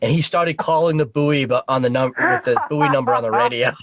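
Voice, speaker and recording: An American Coast Guard veteran, appearing as a podcast guest, tells casual anecdotes full of swearing and jokes. He talks briskly in a mid-range voice over a loud crowd.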